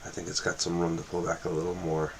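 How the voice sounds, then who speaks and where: A man's voice: sits low, completely flat delivery, quick pace, gravelly, darkish tone, slight background noise. A man streaming his live trading session, muttering and repeating himself as he watches the chart, on a makeshift microphone. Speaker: day trader streaming live. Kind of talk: live trading commentary, thinking aloud. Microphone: makeshift or built-in mic, not a proper microphone.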